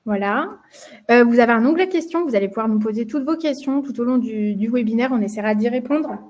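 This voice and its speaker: A French woman who works as a marketing manager hosts a live webinar, speaking with a French accent, lots of fillers, hesitant restarts, and a slight frog in her throat. Her slightly high voice is brisk with a darkish tone.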